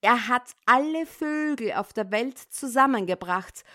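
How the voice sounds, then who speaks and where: A fretful peasant wife, read by a woman tells the news in a hurried, worried tone. The voice sits fairly high. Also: animated, bright, forceful tone.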